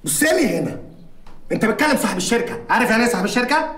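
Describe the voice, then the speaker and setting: An actor playing a pompous, bossy company owner, blustering and teasing in an Egyptian accent. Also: male voice, extremely high pitch, big pitch swings, very fast, a bit bright, heavily acted. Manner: blustering, self-important, teasing. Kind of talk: comic film acting. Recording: film audio with room echo and music.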